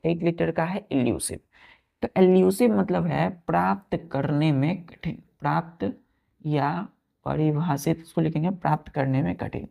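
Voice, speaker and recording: Slow, gravelly-voiced woman teaching vocabulary. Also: low-pitched, mellow. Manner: spells words out letter by letter; keeps checking if students follow. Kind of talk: exam-prep vocabulary lesson.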